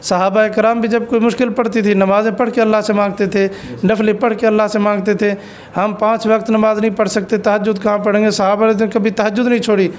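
High-voiced man preaching earnestly. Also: level tone, brisk, a little hiss or hum. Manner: earnest and exhortative, storytelling. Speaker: Islamic cleric, interview guest. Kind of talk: preaching answer in an interview.

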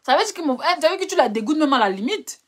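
A young woman runs a live relationship advice session, reading out viewer questions and answering each one. She speaks fast and a little high, with a direct, chiding manner, calling her listeners brother and darling. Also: lively intonation.

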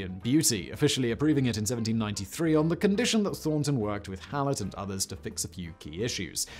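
Guy reading a history script, dry jokey asides, mid pitch, faint music behind. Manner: wry, sarcastic asides with sudden loud outbursts. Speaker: host. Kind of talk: scripted documentary narration with asides.

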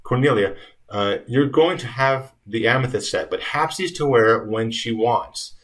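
A man voicing a bitter, sharp-tongued dying old woman, delivering her lines in a raised, tart voice. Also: mid-range voice, moderate pace, pitched above the performer's own voice, natural voice. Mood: commanding.

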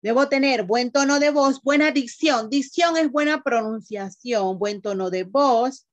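A woman's voice: a little high, a little slow, no echo, muffled recording. A woman teacher giving an online class, explaining patiently and asking the class questions.

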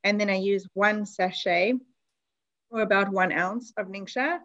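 A woman's voice: medium pitch, fairly even intonation, a little slow, fairly bright tone, dull audio. Woman host, chatty explainer, video call class. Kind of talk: online class presentation.

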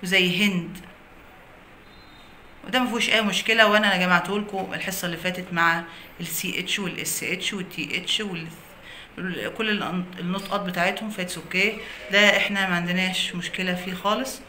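A woman's voice: on the low side, fairly even intonation, quick pace, pushed and bright. Egyptian woman teaching English pronunciation. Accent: Egyptian Arabic. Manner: explains phonics rules with many examples. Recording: echoey room with faint noise.

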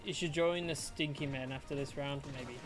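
A game streamer chatting casually to viewers and a friend while playing, excitable and boastful, swearing freely. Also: mid-range voice, normal speed, faint music behind. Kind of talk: casual live-stream chat while gaming.

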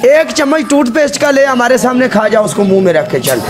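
Man, strikingly high voice, bossy, keeps repeating orders, casual stream banter. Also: big pitch swings, fairly quick, crowd noise. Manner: bossy, insistent, repeats his demands. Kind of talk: casual argument over a game dare.

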